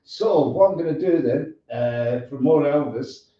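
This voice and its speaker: A man with a fairly high-pitched voice hosts a casual interview, chatting in an unhurried, informal way with hesitant phrasing. The recording sounds very echoey, distant and dull.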